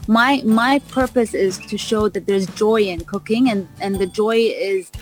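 A woman's voice: mid-range voice, measured pace, soft background music. Enthusiastic woman author on radio. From raised in Vancouver, Canada. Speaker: cookbook author, interview guest. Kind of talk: radio interview answers.

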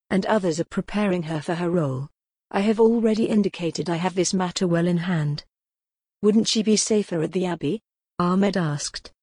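A woman narrates a gothic novel in a measured, even storytelling voice. Her pitch sits a little low for a woman. The recording is dry and close, with no room sound. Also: breathy edge, no room sound. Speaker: audiobook narrator. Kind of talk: scripted narration.

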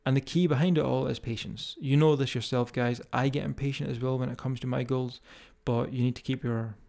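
A man's voice: medium pitch, fairly even intonation, a little fast, creaky, darkish tone. A man with a strong Scottish accent, talking informally and directly to listeners as a fitness coach hosting a podcast. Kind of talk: casual motivational podcast talk.

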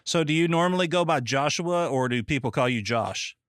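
A man's voice: on the high side, animated, fairly quick, a bit bright, clean tone, no echo, clean studio sound. A man hosting a podcast interview in an easygoing way, with short affirmations. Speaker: podcast host. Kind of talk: conversational interview.

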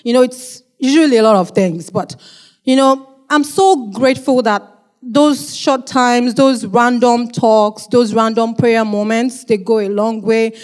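A woman with a non-local accent speaking careful, deliberate English as she gives a personal testimony to her congregation. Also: a little high, a little mellow, soft background music. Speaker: church member giving a testimony.

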